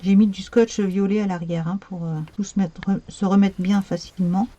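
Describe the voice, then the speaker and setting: A woman's voice: mid-range voice, steady tone, moderate pace, dark tone, highs cut off. A woman talking her way through a card-making tutorial, chatty and thinking aloud with many fillers as she works. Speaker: craft tutorial host. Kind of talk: crafting tutorial narration.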